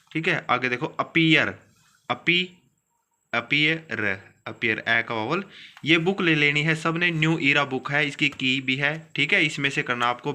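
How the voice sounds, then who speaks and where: A man teaching a steno class, explaining rules step by step and repeating words slowly. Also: medium pitch, sharp tone.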